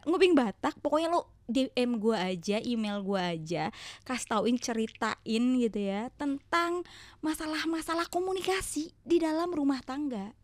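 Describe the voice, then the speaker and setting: Chatty Jakarta woman, high voice. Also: darkish tone, no echo. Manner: chatty, uses Jakarta slang, acts out dialogue. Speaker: podcast host. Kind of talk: casual storytelling monologue.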